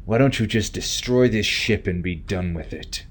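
A male actor plays a captive starship officer with a deep voice. He is defiant and idealistic, in the manner of sci-fi audio drama. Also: moderate pace, slightly rough.

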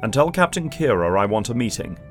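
A male actor plays a starship captain in a sci-fi audio drama. His voice is fairly low, steady and wry, with music playing underneath. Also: brisk. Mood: wry, commanding.

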